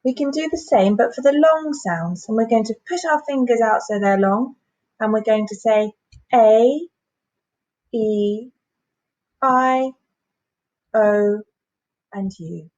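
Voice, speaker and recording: A woman teaching a phonics lesson to young children, sounding out letters and words slowly and clearly. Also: a little high, animated, a little mellow, no echo, highs cut off. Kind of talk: primary school phonics lesson.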